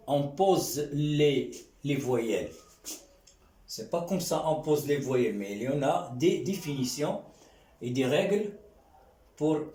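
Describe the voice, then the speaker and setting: A man teaching an Arabic reading lesson in French, sounding out syllables slowly and checking in with his students again and again. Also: mid-range voice, dark tone. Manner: drawn-out syllables, frequent questioning "hein?". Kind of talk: slow classroom lesson. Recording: echoey room.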